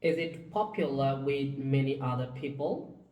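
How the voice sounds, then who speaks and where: A woman acting as examiner in a mock speaking test, asking questions in a formal, measured way. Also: extremely low pitch, expressive, background noise. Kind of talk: scripted exam questions. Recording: echoey room, far from the mic.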